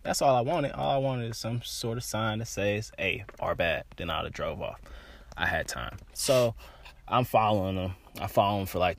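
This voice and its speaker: Low-voiced guy cussing through his podcast rant, real casual. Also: no echo. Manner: blunt, profane, animated storytelling. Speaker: podcast host.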